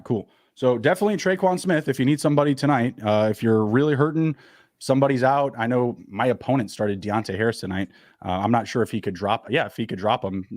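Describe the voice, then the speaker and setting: A man co-hosting a casual fantasy football podcast, rattling off stats quickly with plenty of fillers. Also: on the low side, a little mellow, no room sound, clean studio sound. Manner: quick, upbeat, stat-heavy talk with fillers. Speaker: podcast co-host.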